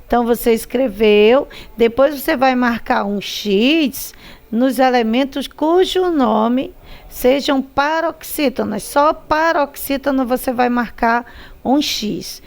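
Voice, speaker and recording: A woman teacher with a Brazilian Portuguese accent speaks in a slightly high voice with a gravelly edge. She talks very slowly and patiently, stretching syllables and repeating each word to make it stick. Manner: drawn-out syllables, repeats words to stress them. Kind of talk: slow, patient classroom instruction.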